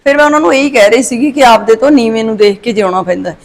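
A middle-aged woman from Punjab, talking to her viewers in a soft, sorrowful and consoling way, often adding little tag questions. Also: on the high side, racing. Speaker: vlogger. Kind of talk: casual heartfelt talk to viewers.

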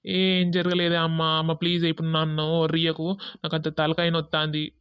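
A man plays a jealous young husband in a village cartoon who answers curtly and brushes people off. His voice is smooth and clean but flat, in a Telangana Telugu accent. The recording is dry and dull. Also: fairly high pitch, normal speed, no echo, natural voice. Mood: irritated. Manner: irritated, brusque.

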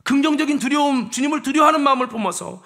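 This is a male pastor delivering a Sunday morning sermon. His voice sits very high for a man and moves animatedly up and down. He hammers his main points with emphatic, raised delivery. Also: lively intonation, rapid-fire. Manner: emphatic, rising to shouts on key points; acts out short quoted voices. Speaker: senior pastor.

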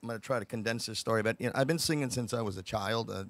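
An older man, the band's singer, answering interview questions in a relaxed, rambling, self-deprecating way. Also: fairly low pitch, rapid-fire, no room sound. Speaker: singer of the band.

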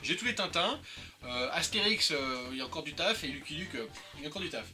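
Joking man in his thirties, casual co-host, slightly higher voice, music under the talk. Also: lively intonation, fast, bright, forceful tone. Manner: joking, laughing, swears casually. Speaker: co-host showing flea market finds. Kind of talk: casual chat.

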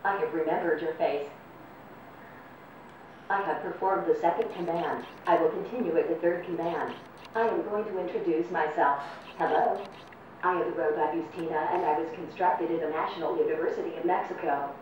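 A computer-generated female robot voice announces each step in a flat, formal and evenly paced way. It sits a little low and is heard from a distance in a very echoey room. Steady noise hangs behind it. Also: a little fast. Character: service robot speaking to people. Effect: synthetic text-to-speech robot voice. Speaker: service robot. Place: indoor robot test arena.

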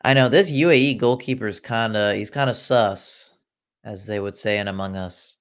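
A young Iranian man hosts a casual football watchalong livestream on his laptop, chatting and reacting to viewer comments with sarcastic asides. His voice is fairly low and smooth, at a moderate pace.

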